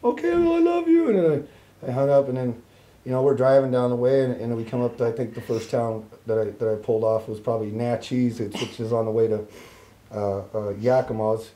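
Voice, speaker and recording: A man's voice: mid-range voice, a little fast. A middle-aged man casually telling a personal story in an interview, acting out the voices of the people he quotes. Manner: animated, acts out other people's voices in quotes. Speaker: interview guest.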